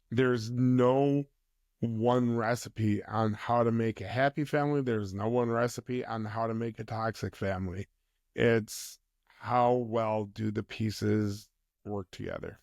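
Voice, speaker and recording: A man speaking as a mental health counsellor guest on a podcast, explaining in a measured way. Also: medium pitch, a little mellow, dry recording, clean studio sound. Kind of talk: podcast interview conversation.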